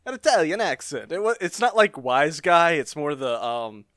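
A man in casual podcast chat, joking and narrating with quick asides. His voice is high and very lively in pitch. The sound is close and dry. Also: no room sound. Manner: joking, animated, does voices.

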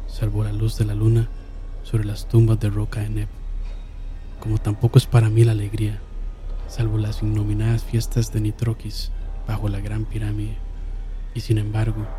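Dark, flat-voiced man reading horror. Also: lowish voice. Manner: slow, solemn, with hushed drops and sudden swells. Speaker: narrator. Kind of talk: dramatic horror story reading.

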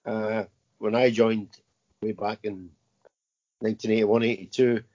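A man in his fifties, an army veteran, answering interview questions in a halting way with many fillers and repeated words. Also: lowish voice, little pitch movement, darkish tone. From Scotland. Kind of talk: casual interview. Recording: muffled lo-fi audio.

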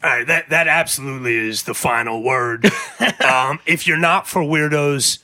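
A man hosting a podcast, wrapping up in a relaxed, jokey casual chat. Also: medium pitch, moderate pace. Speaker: podcast host.

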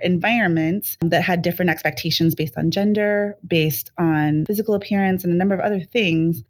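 Woman podcast cohost, low voice, calm and reflective, stretches words out. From born in Korea, raised in the United States and Saudi Arabia. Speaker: podcast co-host. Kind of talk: casual conversation.

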